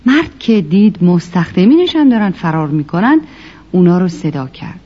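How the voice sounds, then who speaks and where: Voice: medium pitch, animated. A storyteller narrating a children's tale, talking to the kids listening. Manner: addresses children warmly as listeners. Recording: lo-fi recording with music behind.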